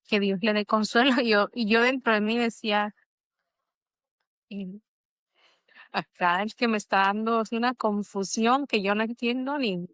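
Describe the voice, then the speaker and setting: A woman's voice: on the high side, fairly bright tone, no echo. A middle-aged woman, an interview guest, telling a personal story in a reflective, emotional way. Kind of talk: conversational interview.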